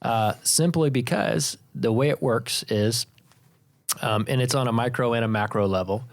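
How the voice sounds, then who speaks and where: A man who leads an insurance agency co-hosts a podcast, chatting casually, walking through ideas step by step and teasing his co-host. His voice is mid-range at a moderate pace, with no room sound.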